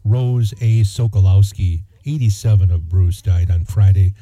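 A man reading formal radio announcements in a measured, solemn manner, phrase by phrase. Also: low voice, mellow. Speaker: funeral notice announcer. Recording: dull, roomy sound with faint music.

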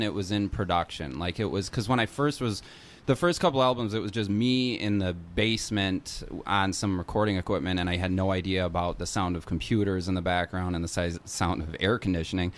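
A man's voice: on the low side, moderate pace, fairly bright tone. A North American man chatting casually as a musician guest, in a hesitant, rambling, informal way. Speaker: musician being interviewed. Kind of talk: casual interview chat.

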